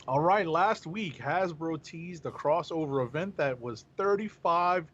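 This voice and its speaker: A man's voice: a little high, lively intonation, unhurried, husky. A man co-hosting a podcast who reads out news with lots of fillers and hesitations. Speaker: podcast co-host. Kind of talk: casual news chat. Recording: slightly dull, lo-fi sound.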